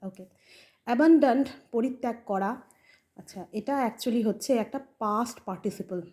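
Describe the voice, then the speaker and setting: A woman's voice: fairly high pitch, normal speed, mellow. A woman with a Bengali accent teaching English grammar in a patient explanatory lesson, often checking in with the listener. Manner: patient, checks in with "okay?" and "accha".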